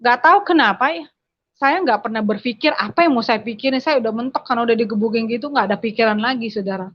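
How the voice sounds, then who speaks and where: A woman's voice: a little high, fast. A woman giving a personal conversion testimony, telling her story dramatically and speaking straight to her listeners. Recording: dry, slightly dull recording.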